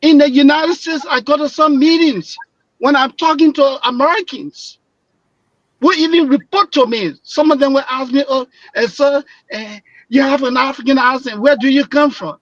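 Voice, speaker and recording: A high-voiced man from Liberia with a Liberian accent argues his point on a radio panel, building to loud, emphatic delivery. His voice comes through dry and muffled, as if over a dull phone-in line. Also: normal speed, no echo. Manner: impassioned, grows loud and emphatic. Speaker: panel guest.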